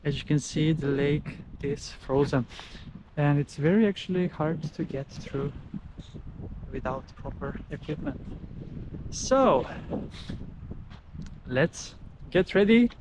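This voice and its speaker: Slow-paced male vlogger outdoors. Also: animated. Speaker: vlogger hosting an outdoor episode. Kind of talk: casual vlog narration to camera. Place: outdoors by a frozen lake. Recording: noisy outdoor ambience with rumble.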